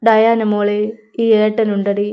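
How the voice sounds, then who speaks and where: A drunk young man, torn apart by grief and swearing revenge, as a woman reads him in a story. The voice is smooth and clear. The recording sounds a little dull. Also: mid-range voice, flat delivery, slow pace, lightly acted. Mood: raging grief. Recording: slightly dull lo-fi audio.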